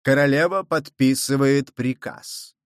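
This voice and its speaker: A man voicing a cunning, smooth male churchman who speaks forcefully, then in a sly, lowered way. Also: fairly even intonation, unhurried, no echo, clean studio sound, close to an everyday voice. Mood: shouting.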